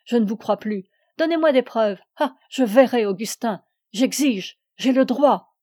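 A woman's voice: fairly high pitch, moderate pace, warm tone, no room sound, studio quality, lightly acted. Woman voicing a fierce, scornful young lover. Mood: impassioned. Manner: impassioned, scornful, rising to cries.

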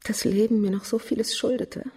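An actress in a German radio crime drama voices a bitter, world-weary murderess, speaking haltingly and often sinking into whispers. Her female voice is a little high, steady, dark and husky.

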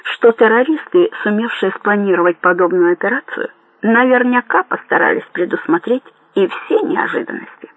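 A man reading a deliberate, cautious colonel. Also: high-pitched, a bit bright, no echo, rough recording. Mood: thoughtful. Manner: slow, deliberate, reasoning aloud. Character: measured male colonel, thoughtful and cautious.

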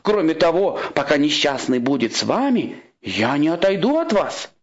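A man's voice: fairly high pitch, big pitch swings, normal speed, pitched above the performer's own voice. A cunning storybook trickster in a monk's disguise, coaxing and coolly ironic, played by a male reader in a raised voice that drawls out key words. The recording sounds slightly muffled. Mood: sly. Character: sly disguised monk, a cunning little grey man.

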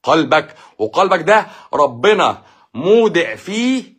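A man's voice: fairly high pitch, very animated, measured pace, a bit bright, husky. A man with an Egyptian Arabic accent talks about faith in an emphatic, preachy way, full of rhetorical questions. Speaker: doctor giving a talk. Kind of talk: casual talk on faith and life.

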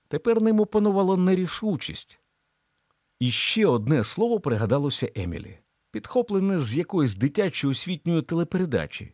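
Male audiobook narrator, expressive pitch, dry close sound. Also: dry recording.

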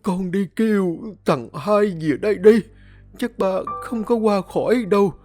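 A dying old father pleads in a thin, high, strained voice, coughing as he struggles for breath. A man performs him inside a spoken ghost story, lifting his voice well above his own. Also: unhurried, darkish tone, soft background music. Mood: pleading. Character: dying old father, over seventy, frail and gasping.

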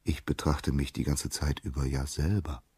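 A vain, haughty youth, as a male narrator puts him on, murmuring in hushed, breathy sighs of self-admiration. The voice is low and husky, recorded dry and close. A storybook reading with a dismissive air. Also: fairly even intonation, normal speed, dry recording, heavily acted. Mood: smug. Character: vain, haughty young man, self-adoring.

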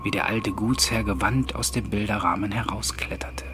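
A man reading a story aloud in calm, measured scripted narration. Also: lowish voice, noisy background. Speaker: audiobook narrator.

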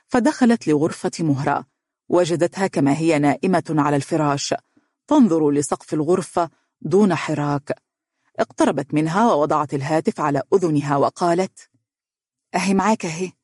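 Narrator for a novel, dramatic and steady, husky voice, dry sound. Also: medium pitch, no echo. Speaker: audiobook narrator.

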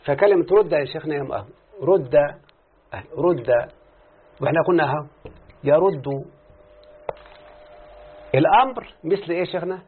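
A man with an Egyptian Arabic accent gives a grammar lesson in class, working through examples and regularly checking that the listener is following. His voice is slightly high and brisk, with frequent pauses. The lecture was recorded with a muffled, phone-like sound.

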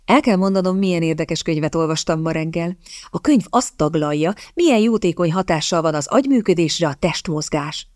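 A woman's voice: lowish voice, expressive, darkish tone, no room sound, studio quality, close to an everyday voice. A woman as a sweetly scheming young lady. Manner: polite, sweetly calculating.

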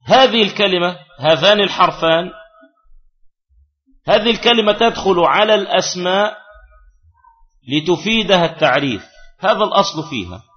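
A man's voice: high voice, highs cut off, a little hiss or hum. A man teaching a classical grammar lesson, who repeats key phrases and puts questions to his students.

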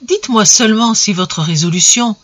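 A woman's voice: medium pitch, moderate pace, a bit bright, dry recording, close to an everyday voice. A woman reading aloud, voicing a cautious male lover who reasons earnestly with his mistress. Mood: pleading.

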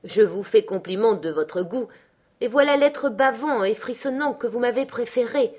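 A woman's voice: on the high side, moderate pace, darkish tone, voice pushed up, close to an everyday voice. A woman voicing a violent, contemptuous young man in an audiobook, sneering and threatening. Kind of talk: audiobook character reading.

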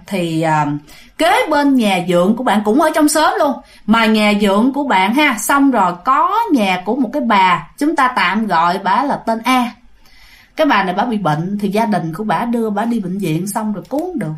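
A woman with a Southern Vietnamese accent telling ghost stories in a chatty, casual way, often addressing her listeners. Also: medium pitch. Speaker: ghost story narrator. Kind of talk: casual storytelling.

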